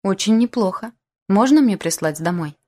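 An eager, boyish older uncle delights in everything around him, as a woman reads him in an audiobook. His talk is cheerful and playful, pitched a little low. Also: lively intonation, moderate pace, darkish tone. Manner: boyish, enthusiastic.

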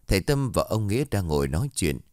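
Deep-voiced male horror storyteller. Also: sing-song, fast talker, a little mellow, dry recording, clean studio sound. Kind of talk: scripted narration of a horror tale.

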